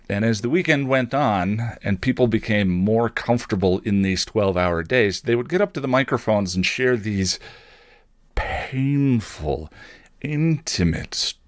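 A man with a low voice tells a personal story as a podcast host, reflective and wry, pausing now and then while he hunts for words. The recording is dry and the studio sound clean.

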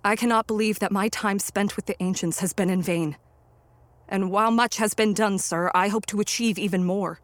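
A woman's voice: medium pitch, fairly even intonation, moderate pace, no room sound, natural voice. A woman playing Victor, an ambitious, obsessive young male scientist in a radio play, with formal, theatrical, impassioned diction. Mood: earnest, formal. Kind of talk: dramatic radio play narration and acting.

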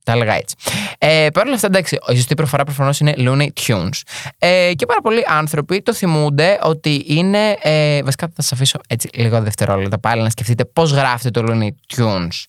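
A man's voice: a little high, animated, no echo, studio quality. A young man hosting a podcast in a casual, chatty monologue, full of joking asides. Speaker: podcast host.

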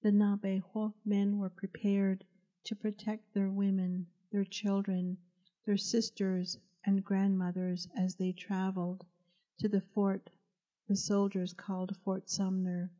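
Slow, flat-voiced woman narrating a novel. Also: medium pitch, highs cut off. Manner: measured, steady storytelling. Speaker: audiobook narrator. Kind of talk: audiobook narration of a historical novel.

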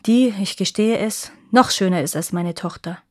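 A woman's voice: mid-range voice, moderate pace, no echo, lightly acted. Woman reading as an old king, grave, fatherly, explaining, storybook tale, dry close sound.

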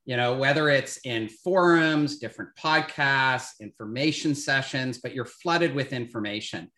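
A man moderating an admissions webinar, explaining in a measured way with frequent fillers. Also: mid-range voice, bright, forceful tone.

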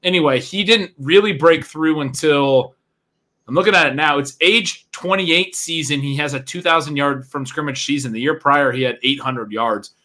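A man hosting a fantasy football podcast, talking quickly and chattily in a casual sports conversation and laughing easily. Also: on the high side, bright, forceful tone.

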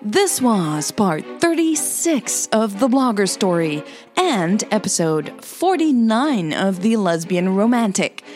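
This female podcaster speaks in a mid-range, sing-song voice, slow and a little mellow, with soft music in the background. She mixes scripted storytelling with relaxed, chatty hosting, keeping things playful, informal and self-deprecating.

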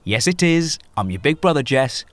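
A blunt, mocking older brother in an audio drama. His voice swings widely, and he shouts sharply after his wild little daughter. He sounds weary and ready to tease. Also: mid-range voice, sing-song, moderate pace, dry recording. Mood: teasing. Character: teasing blunt older brother, harried dad. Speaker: actor.

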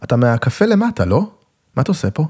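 A man's voice: mid-range voice, sing-song, darkish tone, slightly rough, voice pushed up. A man voicing a stern, suspicious male hospital nurse who questions bluntly. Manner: curt, questioning.

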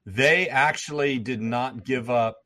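As an interview guest, a former troop commander and history professor explains history at length in a lecturing style, often repeating and restarting words. His mid-range voice moves slowly and sounds pushed and bright.

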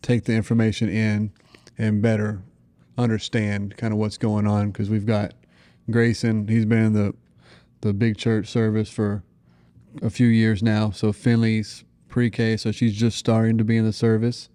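An American father in his thirties shares family testimony in a casual, earnest way, often slipping in "you know." His voice is lowish, monotone and mellow, and he speaks unhurriedly.

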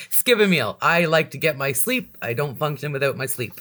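A woman's voice: sits low, lively intonation, measured pace, fairly bright tone. A woman in her forties, a podcast guest, talking in a reflective, casual way and laughing often. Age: 40s. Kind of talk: casual chat.

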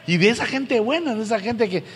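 A middle-aged man preaching to pastors, earnest and pleading, with sudden loud emphatic rises. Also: very high-pitched, lively intonation, fairly quick. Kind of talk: sermon to pastors. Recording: long hall reverb, faint background noise.

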